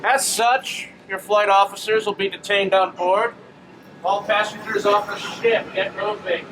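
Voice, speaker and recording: A stern, commanding officer whose clipped orders ring out as a ship tannoy announcement. The voice sits fairly high and comes from a distant loudspeaker. A loud hum and bustle of a busy ride fill the space around it. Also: male voice, fairly even intonation, unhurried. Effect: ship tannoy announcement over a loudspeaker. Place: theme park ride queue.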